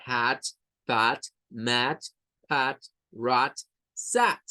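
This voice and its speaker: Slow-talking male English teacher. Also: on the high side, fairly bright tone. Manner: slow, deliberate, drawn-out explaining, repeating words. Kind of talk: online pronunciation lesson.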